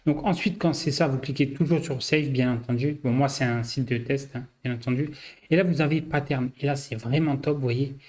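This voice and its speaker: Man, casual software tutorial host, chatty filler-heavy walkthrough, mid-pitched voice. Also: fairly quick. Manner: loose, filler-heavy walkthrough with frequent "hop" and "vous voyez". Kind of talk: casual screen-share tutorial.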